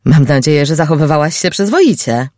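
A woman doing a brisk, bossy female agent. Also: sits low, lively intonation, warm tone, no echo, clean studio sound. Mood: chiding. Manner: brisk, reassuring, a little bossy. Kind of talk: audiobook reading.

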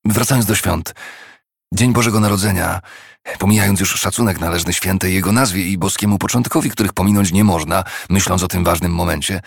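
A man's voice: low-pitched, gravelly, husky, no room sound, clean studio sound, pitched above the performer's own voice, full character voice. A man voicing a cheerful young nephew who speaks earnestly and pleads kindly with his uncle.

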